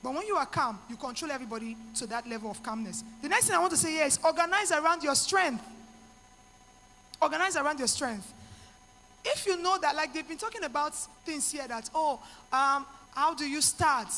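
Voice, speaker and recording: A woman's voice: sits high, normal speed, bright, forceful tone, big-room sound, a little hiss or hum. A middle-aged woman with a Nigerian accent, giving an earnest motivational talk to women with pidgin asides. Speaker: speaker to women.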